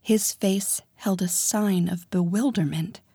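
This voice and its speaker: A woman reading a first-person romance story, soft and intimate, often dropping to a whisper. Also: medium pitch, takes it slowly, breathy edge, no echo, clean studio sound. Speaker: audiobook narrator.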